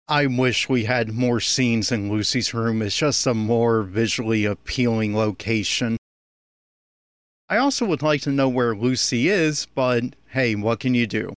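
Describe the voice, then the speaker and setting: A man with a medium-pitched, smooth voice speaks unhurriedly as an opinionated critic in an anime audio commentary. The recording is dry, with no room sound.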